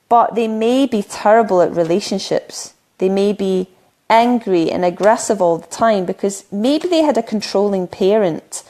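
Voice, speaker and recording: Alone on her live stream, a middle-aged spiritual coach from the UK speaks with earnest intent, peppered with ums and restarts. Her voice is medium in pitch and dark in tone, a touch croaky from heavy use.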